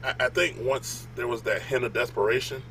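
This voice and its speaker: Measured male podcast co-host, faint hum. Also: medium pitch, steady tone, gravelly, bright, forceful tone, poor audio. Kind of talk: casual panel chat.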